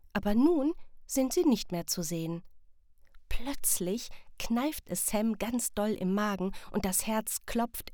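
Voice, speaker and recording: A woman narrates a children's story calmly and clearly. Her voice sits at an ordinary pitch. The recording is dry and close. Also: no room sound.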